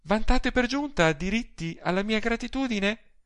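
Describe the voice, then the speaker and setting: A man's voice: sits high, expressive, normal speed, a bit bright, no room sound, voice pushed up. A man putting on a haughty aloof woman. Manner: haughty, curt replies. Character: proud weary married woman, cool and aloof.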